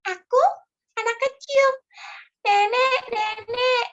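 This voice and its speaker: A woman putting on the voice of a small, cheerful, eager child, squeaky and piping. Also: fairly even intonation, takes it slowly, fairly bright tone, highs cut off, exaggerated voice. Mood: playful.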